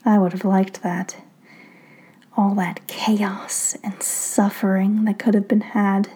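A woman voicing a sinister male fox spirit in a calm, taunting manner, as whispered role-play in a read-aloud story. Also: medium pitch, takes it slowly, breathy edge. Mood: calm menace.

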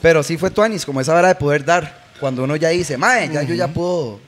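A Costa Rican man, a guest on a podcast, chatting in a relaxed and jokey way with slang. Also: on the high side, brisk. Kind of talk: casual chat.

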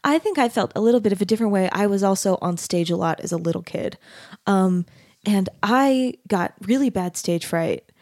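A woman interviewing an artist in a relaxed conversation, speaking gently and hesitantly with many fillers. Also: mid-range voice, normal speed, dry recording, studio quality.

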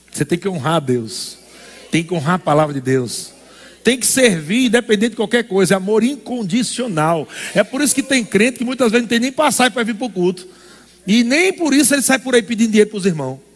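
A man's voice: high-pitched, in a large hall. A male pastor preaching a sermon in an emphatic call-and-response style.

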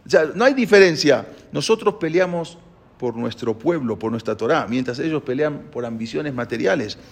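A man's voice: on the high side, lively intonation, moderate pace, gravelly. A man voicing a fervent ancient male war leader, rousing his few troops with impassioned faith. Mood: rallying.

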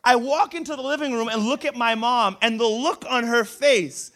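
A man in his thirties, from Brazil, preaches with a very high voice. His tone is bright and forceful. He tells funny personal stories in an animated way. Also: normal speed. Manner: animated, humorous storytelling with laughs.

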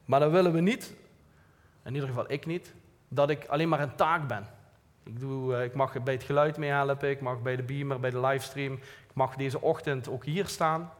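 The speaker is a Limburg Dutch-accented lay preacher giving an informal yet earnest talk in a church hall, plain in his words and occasionally mocking himself lightly. His mid-range voice is steady in tone at a normal speed, and the hall's reverb is long.

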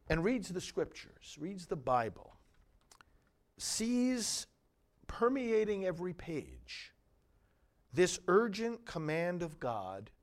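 A priest reads scripture and preaches a homily with solemn, deliberate emphasis. His voice is a little high for a man and ranges widely in pitch, and he lingers over each phrase, speaking very slowly.

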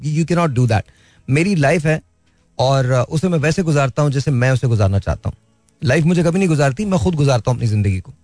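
A man's voice: a little high, darkish tone. A man talking in a casual, reflective way, earnest and mixing in English phrases. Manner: earnest, mixes in English phrases, laughs lightly. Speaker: speaker sharing life views.

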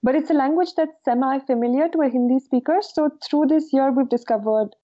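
A woman from Kashmir, India, co-founder of a newsletter, answers interview questions as a guest, articulate and reflective but with frequent fillers. Her voice is high-pitched, fairly quick and dark in tone, and the recording has a dull lo-fi sound.

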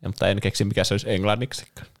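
Lowish-voiced podcast guy, short dry comments. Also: level tone, gravelly. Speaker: podcast co-host. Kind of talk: casual chat.

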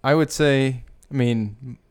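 A man's voice: medium pitch, unhurried, smooth. A man co-hosting a podcast in casual chat, rambling and jokey, repeating words as he goes. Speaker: podcast co-host.

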